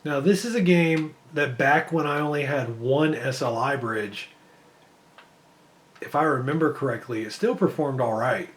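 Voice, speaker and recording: A man's voice: mid-range voice, normal speed. A man losing his voice, giving casual rambling commentary while he benchmarks PC games. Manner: rambling, thinking aloud with fillers. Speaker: PC gaming benchmark creator.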